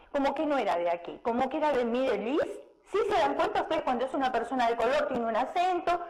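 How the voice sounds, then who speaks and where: A woman's voice: high-pitched, darkish tone, poor audio. A woman preacher delivering a sermon, telling personal stories and asking the congregation rhetorical questions.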